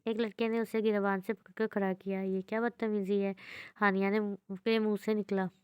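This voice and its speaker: A woman's voice: medium pitch, flat delivery, moderate pace, clear, resonant tone. A woman narrating a romance novel and reading every character's lines in her own voice, with small stumbles. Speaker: novel reader.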